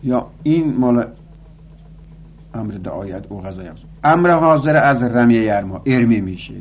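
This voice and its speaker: A man's voice: medium pitch, darkish tone. Male teacher, methodical lesson, chanted word lists, faint background hum. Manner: recites word forms in rhythmic chanted lists. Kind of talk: recorded lesson on Arabic grammar.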